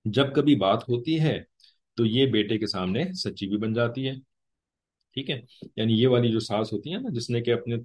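Man, religious lecture, explanatory, lowish voice. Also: a little mellow. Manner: explanatory, repeats "ठीक है" often; acts out short quoted lines in changed tones. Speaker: religious teacher.

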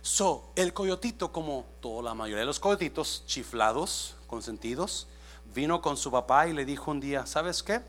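A man preaching a sermon, mixing Spanish with English phrases, speaking directly to the congregation with many questions and swinging between hushed asides and shouted calls. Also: mid-range voice, lively intonation, normal speed. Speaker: pastor. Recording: faint mains hum.

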